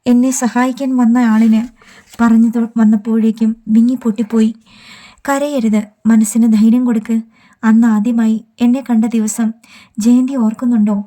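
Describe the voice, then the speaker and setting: A woman reading an audiobook, voicing a man who gently reassures a friend over the phone. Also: fairly high pitch, normal speed, close to an everyday voice. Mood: reassuring. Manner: gentle, steady encouragement.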